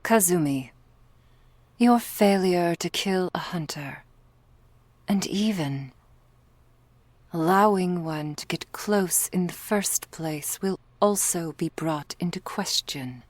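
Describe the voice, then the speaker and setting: A woman voices an imperious female vampire crime boss in an ASMR roleplay, her fairly low voice slow, formal, silky and threatening. The mood is stern, and there's no room sound.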